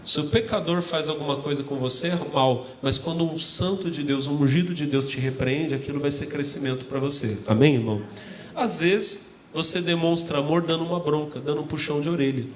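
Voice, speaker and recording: A fairly high-voiced man with a Brazilian Portuguese accent preaches to his congregation, asking them to answer back and tossing in jokes. The recording carries a roomy church echo and a faint hum of ambience. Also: brisk. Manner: lively call-and-response with the congregation, joking asides. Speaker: pastor. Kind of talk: sermon.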